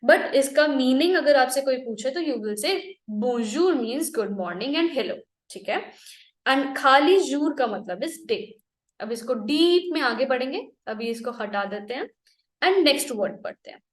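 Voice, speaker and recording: A young Indian woman teaching French in a relaxed online lesson that mixes Hindi and English, with drawn-out explanations, tag questions and frequent laughs. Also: high-pitched, reverberant.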